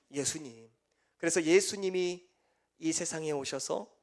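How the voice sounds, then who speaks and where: A young man preaching a sermon to a congregation. He keeps asking the listeners questions and then answers them himself, dropping soft and low on the key answers. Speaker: evangelist preaching.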